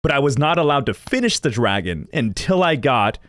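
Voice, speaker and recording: Brief: young male streamer, lively up-and-down delivery, rambling and self-mocking, dry close sound. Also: mid-range voice, brisk, no room sound. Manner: rambling, self-deprecating, laughs often. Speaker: gaming streamer reacting to lore videos. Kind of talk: casual rambling chat to viewers.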